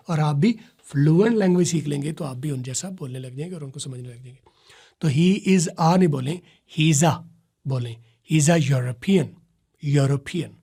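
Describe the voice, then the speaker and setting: A man gives an English pronunciation lesson, explaining step by step and drawing out example words slowly. His voice sits fairly high, with a husky, mellow tone. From Pakistan. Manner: explains patiently, repeating examples slowly and asking "right?". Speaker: English teacher. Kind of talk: spoken English lesson in Urdu.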